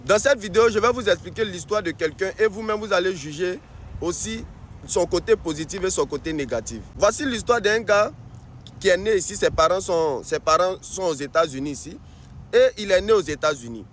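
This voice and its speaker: High-voiced man vlogging outdoors. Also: expressive, brisk, fairly bright tone, slight background noise. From Africa. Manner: repetitive, restarts sentences, keeps saying "voilà". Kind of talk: casual advice vlog.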